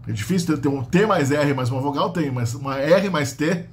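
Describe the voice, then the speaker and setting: Brazilian man, slightly high voice, casual explanatory lecturer. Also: expressive, brisk. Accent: Brazilian Portuguese. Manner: explanatory, frequent "né?" tags and restarts. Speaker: linguistics teacher. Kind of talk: unscripted lecture.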